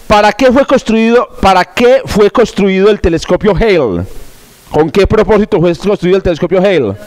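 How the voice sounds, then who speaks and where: A man's voice: high voice, lively intonation, moderate pace, a little mellow, no room sound. A man teaching an astronomy course, running through quiz questions in a classroom with jokes, asides and stammered restarts. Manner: joking, digressive, with stammered restarts.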